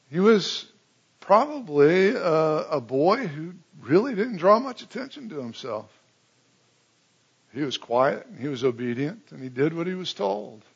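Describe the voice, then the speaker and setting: A man preaching a sermon, telling stories with big swings between loud excitement and hushed, low tones. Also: takes it slowly, creaky, long pauses, breathy edge, lo-fi sound. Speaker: pastor.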